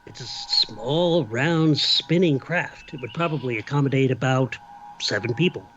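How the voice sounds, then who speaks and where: A man's voice: medium pitch, fairly bright tone, highs cut off, a little hiss or hum, voice pushed up, natural voice. Man playing an earnest starship helmsman. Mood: reporting. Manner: halting, rising report.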